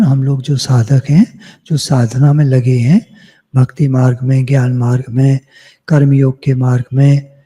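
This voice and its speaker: A man speaking slowly in a dark, mellow, husky voice, delivering a devotional discourse on scripture. He teaches in a measured way, repeating phrases and posing questions that he answers himself. The video call audio carries a long, reverberant tail. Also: medium pitch. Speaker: spiritual teacher.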